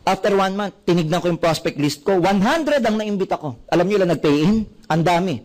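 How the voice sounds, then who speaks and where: A man with a Filipino accent giving a motivational seminar talk, animated and full of stories told with quoted dialogue. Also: sits high, fairly quick. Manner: animated, storytelling with quoted dialogue, mixing Tagalog and English. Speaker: network marketing speaker.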